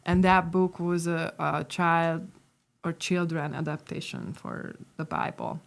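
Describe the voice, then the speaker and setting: Hungarian-born woman, middle-aged, low gravelly voice, lively storyteller for a casual podcast. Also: unhurried. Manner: chatty, laughs often, acts out quoted lines. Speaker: co-host telling her life story.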